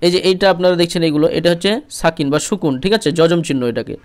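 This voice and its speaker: A man's voice: fairly high pitch, rapid-fire. A man teaching a step-by-step Quran reading lesson, patiently spelling out letters and checking in with his listeners. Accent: Bengali. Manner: patient, repeats letters and asks "ঠিক আছে?" often.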